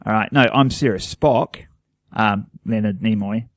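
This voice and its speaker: A New Zealand man co-hosts a podcast, his fairly low voice unhurried on a dry recording. He chats casually in an earnest, rambling, self-deprecating way.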